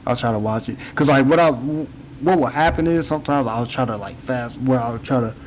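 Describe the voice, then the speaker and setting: A man in a relaxed podcast chat, talking in loose, looping sentences and leaning on "you know what I'm saying." He sounds a bit tired and yawns now and then, with mid-range pitch. A faint hiss of noise sits behind him. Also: moderate pace, rough recording. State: yawning, tired. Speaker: podcast host. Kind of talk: casual chat.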